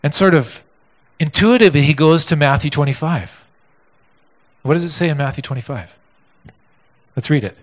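A male pastor telling a story in a sermon, animated and full of repeats and restarts. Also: on the high side, moderate pace, long pauses. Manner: animated, repetitive, with many restarts.

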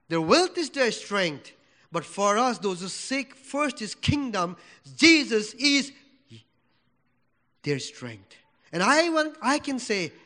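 An extremely high-pitched male voice preaches a sermon in church. He is from Nepal, speaks English as a non-native language with a Nepali accent, and swings from loud statements to whispered prayer.

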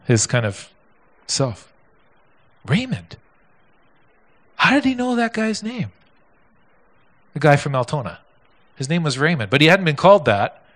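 A male pastor telling a story in a sermon, animated and full of repeats and restarts. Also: medium pitch, unhurried, pauses often. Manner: animated, repetitive, with many restarts.

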